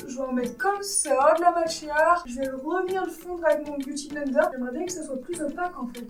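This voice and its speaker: A woman doing a casual makeup tutorial, animated and jokey, quick to act exasperated. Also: high voice, reverberant, recorded from a distance. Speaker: beauty YouTuber.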